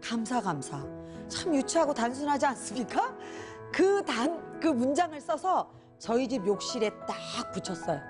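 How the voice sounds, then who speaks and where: A middle-aged woman giving an inspirational talk to a studio audience, telling stories and acting out her own past complaints. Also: high voice. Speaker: lecturer.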